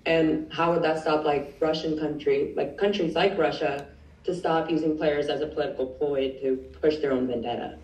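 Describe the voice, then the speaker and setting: A woman's voice: sits low, fairly even intonation, moderate pace, darkish tone. A woman reporter asking earnest, slightly tangled questions at a press conference. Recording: distant echoey remote audio.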